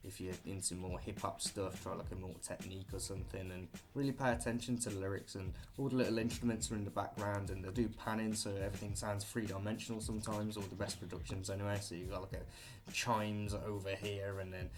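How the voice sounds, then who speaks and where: A man's voice: on the low side, steady tone, a little fast, few pauses. A young British man talking through a list of things to do at home, rambling and jokey with offhand asides. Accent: British English. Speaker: vlogger. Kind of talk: casual listicle monologue.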